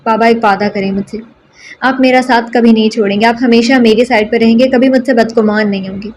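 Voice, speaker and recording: A woman's voice: a little high, fairly even intonation, a little hiss or hum, close to an everyday voice. A woman doing a tearful timid young bride. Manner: pleading and tearful.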